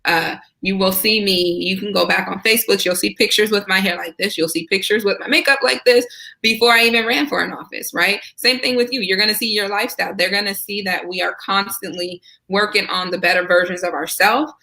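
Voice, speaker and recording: Bright, talkative woman guest. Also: mid-range voice, brisk, vocal fry. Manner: enthusiastic, talkative, asks rhetorical "right?". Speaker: guest, Senate candidate. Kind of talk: casual conversational interview.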